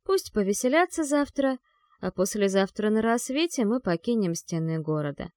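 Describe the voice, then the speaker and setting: A woman narrates a fantasy novel in the first person, with a medium-pitched voice that rises and falls in a lively way. Her reading is animated and she acts out the characters' lines. The recording is dry and close, with no room sound. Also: normal speed, no room sound. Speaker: audiobook narrator. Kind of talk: expressive fantasy audiobook reading.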